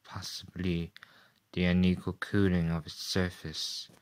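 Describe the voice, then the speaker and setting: A man playing a measured, puzzled professor of science in a radio play, speaking quietly and hesitantly. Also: sits low, little pitch movement, pitched below the performer's own voice. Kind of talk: old radio play dialogue.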